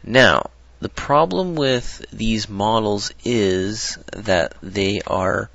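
A man's voice: on the low side, extremely slow, gravelly, a bit bright, no room sound. A man talking through a casual screen-recorded modding tutorial, rambling and hesitant with many ums and restarts, on a desktop mic. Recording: dull lo-fi dry mic.

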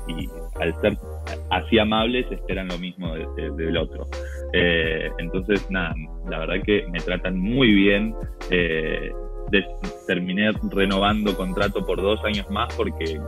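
A man's voice: sits low, rough recording. A man in his thirties with an Argentine Spanish accent, chatting as an interview guest over a video call, full of fillers and restarts. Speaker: interview guest, volleyball player.

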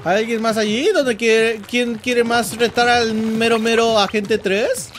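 A man with a Mexican accent hosting let's play commentary, joking and teasing himself with playful shouts. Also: extremely high pitch, flat delivery, measured pace. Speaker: gaming channel host. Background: game music.

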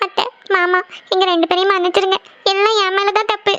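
Woman doing Janani, high cartoon daughter-in-law. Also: steady tone, fast, dull audio, natural voice. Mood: tearful. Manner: pleading, apologetic. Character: young daughter-in-law, tearful and sweet. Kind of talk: cartoon voice acting.

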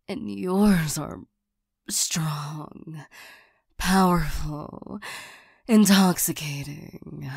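A woman voicing a flirtatious, lonely female demon in an ASMR role-play, soft and partly soft-spoken, coaxing and teasing, easily irritated. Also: lowish voice, no echo, studio quality, exaggerated voice. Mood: infatuated, seductive. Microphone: close microphone.

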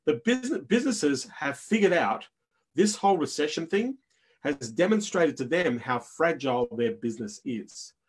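A man with a Minnesota accent presenting a business webinar, talking fast in punchy lists and tagging lines with "right?". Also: on the high side, expressive, slightly rough.

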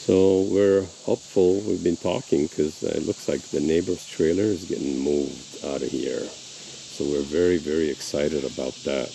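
A man in his fifties, originally from Italy, talks to the camera outdoors on his rural land, holding the phone out at arm's length. His voice sits deep and low, and he rambles in an easygoing way with plenty of ums. A little outdoor hiss sits under the sound. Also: fairly even intonation, a little slow, creaky, dark tone. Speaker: homesteading vlogger. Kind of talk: casual vlog talk to camera.

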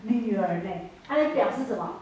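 A woman with a Taiwanese Mandarin accent preaches a sermon as a story, often stopping to ask the congregation rhetorical questions. Her fairly high voice hesitates and corrects itself as she goes. She is picked up from some distance in an echoey church hall with faint background noise. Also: animated, normal speed, a little mellow. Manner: hesitant, with fillers and self-corrections.

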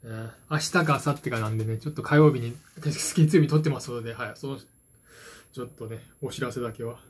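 Husky, quick-talking self-deprecating man. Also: mid-range voice. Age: 40s. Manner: self-deprecating, hesitant asides. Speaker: vlogger, card game hobbyist. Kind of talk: casual rambling solo chat to camera. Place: small dim room at home, indoors. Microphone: phone propped at arm's length.

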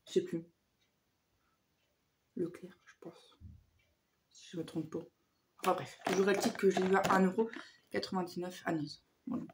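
A woman vlogger with a hoarse voice chatting casually through a shopping haul, hesitant and full of fillers. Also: fairly low pitch, fairly even intonation, moderate pace, long pauses, background noise.

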